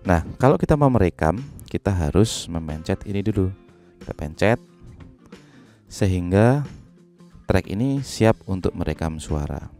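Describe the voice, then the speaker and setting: A man giving a relaxed, step-by-step music software tutorial from a home studio mic. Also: sits low, a little slow, long pauses. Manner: relaxed, step-by-step explaining with fillers. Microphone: studio microphone into a sound card.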